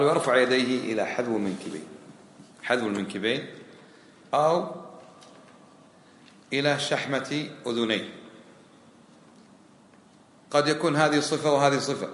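A man's voice: medium pitch, a bit bright. A man teaching a colloquial lesson on prayer rulings, questioning his students and repeating key phrases. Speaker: sheikh teaching a fiqh lesson. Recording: echoey hall with faint ambient noise.

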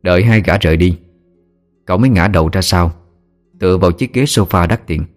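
Male audiobook narrator, very low voice, faint music behind. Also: fairly quick. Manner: steady storytelling. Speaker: story narrator.

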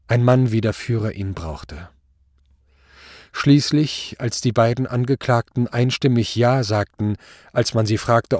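Man reading a novel aloud, husky, animated intonation, dry recording. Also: medium pitch, no room sound. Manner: dramatic, expressive narration. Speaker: reader. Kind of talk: audiobook narration.

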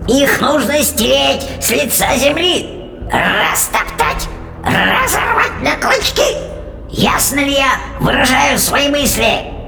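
A man voicing a cruel old witch queen in an audiobook, shrill and snarling. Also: very animated, over music, heavily acted. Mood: shrill ranting. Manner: slow, menacing and gravelly. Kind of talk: audiobook character voice.

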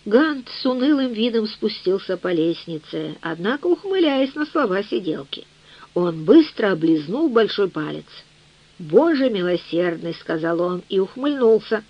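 A woman narrating a novel as an audiobook, in an even, measured literary reading. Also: mid-range voice, highs cut off.

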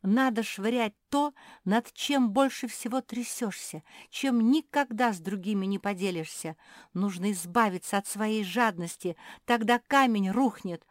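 A woman voicing a young girl animal with a tail, excited and clinging to her favourite toy, in a storybook. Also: mid-range voice, unhurried, no room sound, clean studio sound, voice pushed up, close to an everyday voice. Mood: excited, anxious.

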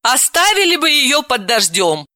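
A man voicing a sharp-tongued, bossy woman who scolds and gives orders. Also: extremely high pitch, sing-song, measured pace, dry recording, clean studio sound, voice pushed up, full character voice. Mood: scolding.

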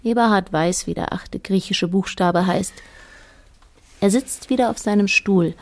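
A female performer with a medium-pitched voice narrates a radio drama as a cool, watchful observer. She speaks in an even, matter-of-fact way, only lightly acted.

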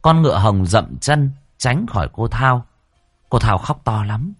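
Man reading a spooky story, low voice, really animated, dry close mic. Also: a little slow, slightly rough, dry recording, faint music behind. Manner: expressive, dramatic storytelling. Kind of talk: ghost story narration.

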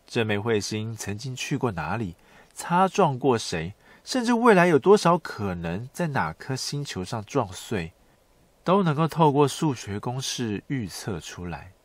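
Hushed man in lively pillow-talk narration. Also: mid-range voice, a little slow, no room sound. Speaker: podcast host. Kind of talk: hushed, intimate bedtime-style scripted narration.

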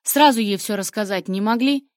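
A woman voicing a sharp-tongued wife who scolds the men reproachfully, recorded close and dry. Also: medium pitch, normal speed, dry recording, close to an everyday voice. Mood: scolding.

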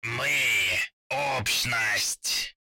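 A man voicing a dead miller's corpse moved by worms, speaking in hoarse, broken, halting phrases. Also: mid-range voice, flat delivery, sharp tone, slight background noise, heavily acted. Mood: hoarse, insistent. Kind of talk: audiobook character voice.

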